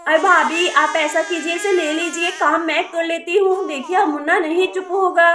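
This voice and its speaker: A woman's voice: very high-pitched, fairly even intonation, normal speed, roomy sound, background noise. A woman voicing a tired young unmarried woman, tearful as she tries to soothe a crying baby. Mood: pleading.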